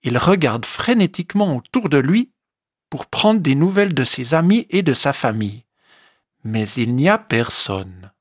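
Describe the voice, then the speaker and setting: Children's story narrator, slow pace, lively melody, dry close mic. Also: mid-range voice, dry recording. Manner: slow, expressive reading.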